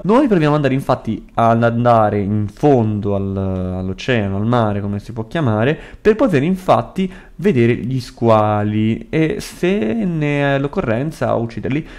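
Excitable young Florentine gamer guy. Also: medium pitch. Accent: Florentine Italian. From Italy. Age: young adult. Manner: excitable, swears a lot, shrieks when startled. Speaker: gaming youtuber. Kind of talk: casual gameplay commentary.

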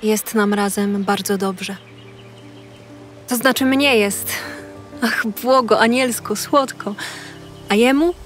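Slow, tender woman reading a diary. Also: medium pitch, steady tone. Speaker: diary reader. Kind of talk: slow, emotional literary reading. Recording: faint music behind the voice.

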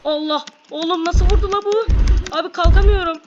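A woman hosting a gaming video, giving excited play-by-play to her viewers and shouting quick commands during fights. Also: very high-pitched, muffled recording, over loud music. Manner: addresses viewers constantly. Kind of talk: excited gameplay commentary. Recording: loud background noise.

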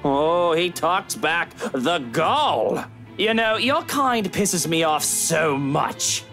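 A woman's voice: low voice, very animated, a bit bright, soft background music, heavily acted. A woman voicing a smug, menacing rich man in a game, sneering and drawing out contemptuous taunts. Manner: sneering, theatrical, drawn-out taunting.

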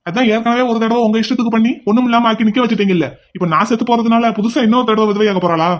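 Guy doing a stubborn young hero in a cartoon, quick and highish, pushy, kinda muffled audio. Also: steady tone. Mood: defiant. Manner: forceful, insistent. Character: headstrong young man, protective and defiant. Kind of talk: cartoon drama dubbing.

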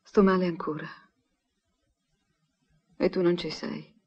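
A woman's voice: fairly low pitch, little pitch movement, takes it slowly, a little mellow. A woman playing a troubled young woman who pours out her longing for an absent professor in an intimate, anguished way. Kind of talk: 1960s Italian film dub. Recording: dull lo-fi film soundtrack.

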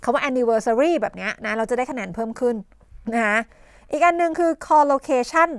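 High-pitched Thai woman tutoring, coughing. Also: normal speed, no echo. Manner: explains idioms with many "นะคะ" fillers and rhetorical questions; coughs and clears her throat often. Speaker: English teacher. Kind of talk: televised tutoring lesson.

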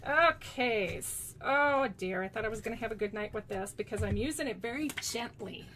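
A woman demonstrates card-making at a moderate pace, her voice on the high side, bright and forceful, with lively intonation. She's chatty and giggly, calling her viewers "you guys" like friends, and there's slight background noise.

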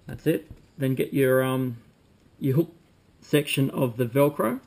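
A man, calmly demonstrating fly tying at a desk at home, talking while he works with frequent ums. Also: mid-range voice, unhurried, vocal fry, very noisy. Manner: relaxed, talks while working, frequent ums. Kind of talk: casual demonstration. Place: home room with bookshelves, indoors.

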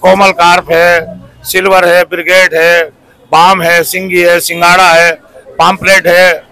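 A man's voice: sits high, flat delivery, unhurried, sharp tone, low-quality recording. A man in his fifties, head of a fish market, earnestly promoting it in a street interview at an outdoor market, talking into a handheld mic. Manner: earnest, promotional, lists items in a raised voice. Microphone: handheld lapel mic held up to mouth.

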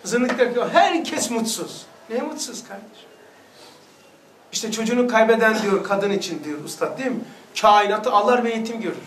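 High-pitched male religious teacher, preaching with rhetorical questions, far from the mic. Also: a little fast, fairly bright tone, reverberant, slight background noise. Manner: exhorting, rhetorical questions to listeners. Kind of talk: religious lesson.

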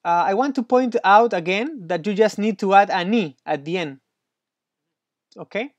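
A man's voice: high voice, normal speed, no room sound. A man tutoring Spanish one-on-one, patient and encouraging, praising often, with slightly non-native English phrasing. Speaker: Spanish teacher.

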